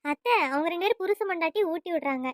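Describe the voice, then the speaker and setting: Cartoon: a woman as an envious elder sister-in-law, wistful muttering, high dry read. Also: animated, fast talker, no room sound.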